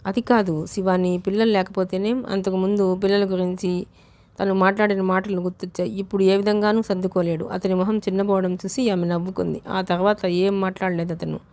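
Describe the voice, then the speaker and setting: A woman narrating a novel as an audiobook in a steady, unhurried reading style. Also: mid-range voice.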